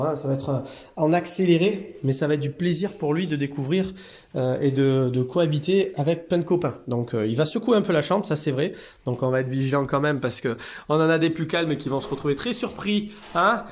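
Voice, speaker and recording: A man who runs a cat hotel, chatting in a casual vlog and talking affectionately to the cats. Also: on the high side. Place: indoor cat boarding room.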